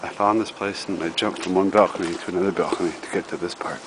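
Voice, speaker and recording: Deep-voiced man, hushed and breathless. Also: steady tone, fast talker. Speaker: urban explorer filming himself. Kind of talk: handheld exploring vlog. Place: outdoors at an abandoned building site. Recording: loud wind noise outdoors.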